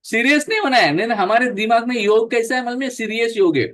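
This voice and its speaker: A man's voice: extremely high pitch, expressive, quick pace, fairly bright tone. A man leading a guided breathing yoga class, counting breaths aloud, mixing Hindi and English, joking and encouraging.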